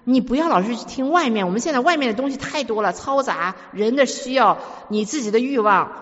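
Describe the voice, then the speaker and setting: A woman's voice: fairly high pitch, animated, brisk, fairly bright tone. A woman preacher giving a sermon, emphatic and full of stories, often repeating words as she speaks. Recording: dull recording with long hall reverb.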